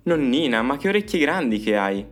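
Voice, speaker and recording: A man's voice: mid-range voice, very animated, brisk, faint music behind, voice pushed up, close to an everyday voice. A man voicing an obedient little girl in a comic fairy-tale reading. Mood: eager.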